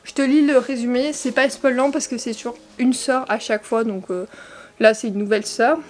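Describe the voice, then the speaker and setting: A woman's voice: a little high, fairly even intonation, normal speed. A young woman talking casually about books she plans to read and reading their summaries aloud, with many fillers and restarts. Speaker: book vlogger.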